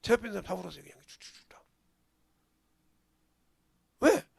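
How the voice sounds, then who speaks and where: Korean pastor guy preaching, super gravelly raspy voice, whispers then yells. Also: high voice, big pitch swings, fairly quick, no room sound, studio quality. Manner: swings from hushed whispers to sudden shouts. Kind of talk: sermon. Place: church sanctuary.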